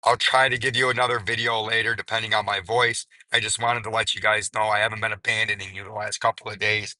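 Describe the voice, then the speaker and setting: A man hosting a market commentary video, hoarse and raspy, his strained voice nearly gone. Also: on the low side, flat delivery, fast talker, sharp tone, dry recording, rough recording. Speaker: crypto video host.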